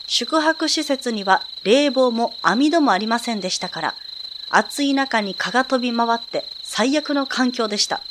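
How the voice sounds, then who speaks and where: A woman reading aloud as a male high school student who calmly tells a ghost story from a sound novel. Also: moderate pace, noisy background, natural voice. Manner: calm, storytelling.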